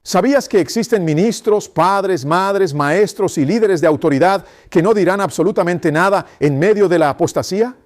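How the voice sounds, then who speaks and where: A man's voice: sits high, moderate pace, hardly any pauses. A man preaching a sermon, pressing the congregation with rhetorical questions in an insistent, emphatic way.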